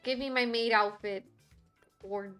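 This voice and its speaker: A young woman streams a game and chats casually, excitable and giggly. Her voice sits a little high, and faint music plays underneath. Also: measured pace, clear, resonant tone. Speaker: livestreamer. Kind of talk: casual gameplay commentary.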